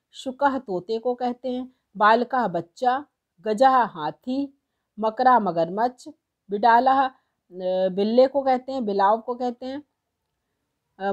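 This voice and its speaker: On a dull-sounding recording, a woman with a slightly high voice teaches a Sanskrit textbook lesson. She reads and translates lines at a slow pace, sounding out every syllable separately.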